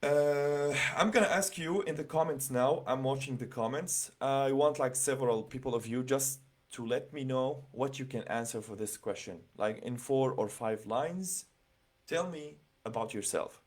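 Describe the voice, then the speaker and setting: A man's voice: medium pitch, moderate pace. Chatty man reading comments on a livestream. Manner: chatty, many fillers, reads comments aloud and reacts. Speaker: livestream host giving scholarship interview advice. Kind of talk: casual livestream talk reading viewer comments.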